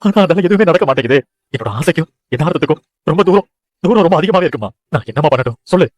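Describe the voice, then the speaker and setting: In a TV serial, an actor plays a son who is an aspiring film director, earnestly pleading with his mother about chasing his film dreams while sounding dejected and downcast. His natural voice is on the high side, expressive and rapid-fire, in a dry recording.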